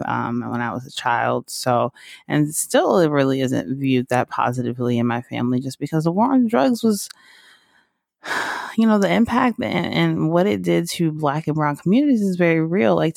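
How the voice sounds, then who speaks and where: A woman's voice: low-pitched, vocal fry, dry recording, clean studio sound. A woman, hosting her own podcast in a candid, chatty way, laughing often and talking loosely. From Southern United States. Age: 30s. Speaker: podcast host. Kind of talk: casual podcast monologue.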